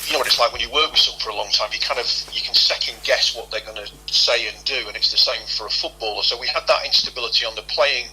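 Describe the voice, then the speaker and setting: Interviewed as a football club's head of operations, a middle-aged man explains things at length and circles back to repeat himself. His mid-range voice is pushed and bright, racing along with hardly a pause, on poor audio with slight background noise.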